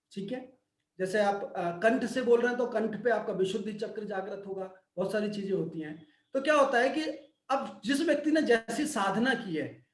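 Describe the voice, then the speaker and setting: A man's voice: very high voice, reverberant. A man who is a yoga and wellness expert answering questions in an online Q&A, explaining patiently like a teacher and checking that listeners follow.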